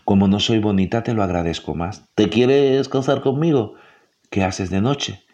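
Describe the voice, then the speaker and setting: A man's voice: lowish voice, moderate pace, darkish tone, lightly acted. Coy, sing-song storybook cockroach lady, voiced lightly by a male narrator. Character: vain sweet female cockroach, coy and tearful.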